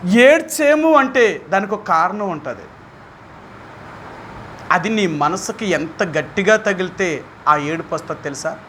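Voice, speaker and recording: A man with a Telugu accent leads a Bible study as pastor, with a high voice. He speaks emphatically and keeps asking his listeners questions. Faint vehicle noise sits low behind him. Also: lively intonation, unhurried, long pauses, sharp tone.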